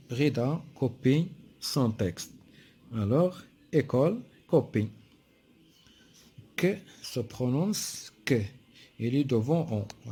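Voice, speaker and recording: A man gives a spelling lesson at a very slow, deliberate pace. His voice is husky and mellow, and he repeats each word and letter one at a time. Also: mid-range voice. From Morocco. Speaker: primary school French teacher. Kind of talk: spelling lesson, reading words aloud.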